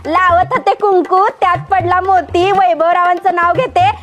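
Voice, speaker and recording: A comedy performer playing a quarrelsome young wife with huffy, petulant retorts. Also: male voice, very high-pitched, flat delivery, moderate pace, background noise. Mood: taunting. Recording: music playing under.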